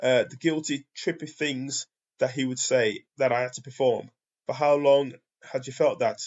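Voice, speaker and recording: A man's voice: medium pitch, normal speed, muffled recording. A British man, a commentator, reading out trial testimony in a plain voice and reacting to it. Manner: reads transcript flatly, then rants loudly with laughter.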